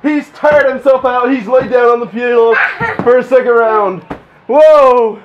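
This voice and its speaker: A man's voice: very high-pitched, measured pace, highs cut off. A man filming his kids at home, giving a playful, teasing play-by-play like a sports announcer, picked up by the handheld camera he is holding. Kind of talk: casual home video narration. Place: family home. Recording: noisy home camera audio.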